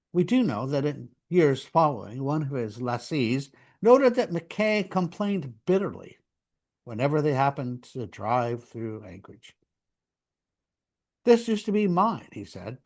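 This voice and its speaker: A man's voice: fairly high pitch, a little mellow. A man narrating a true-crime story, conversational, with wry asides to the listener.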